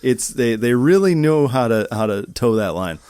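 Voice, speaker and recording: Chill podcast dude rambling about a movie, mid voice, dry close mic. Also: male voice, mid-range voice, animated, normal speed, darkish tone, smooth, no room sound. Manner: laid-back, rambling with many "like"s. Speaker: podcast co-host. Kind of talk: casual chat.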